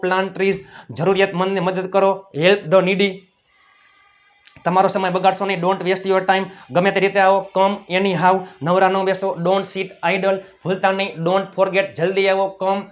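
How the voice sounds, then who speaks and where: A high-pitched man with a Gujarati accent runs a spoken English lesson. He drills short phrases, saying each one more than once. The sound is dull and muffled. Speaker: English teacher.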